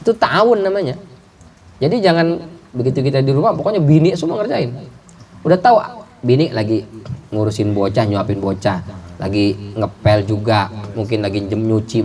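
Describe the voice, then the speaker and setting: A man's voice: on the low side, moderate pace. A middle-aged man preaching a sermon, telling stories and acting out the voices of the people in them. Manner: lively storytelling, acting out voices of characters. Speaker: Islamic preacher.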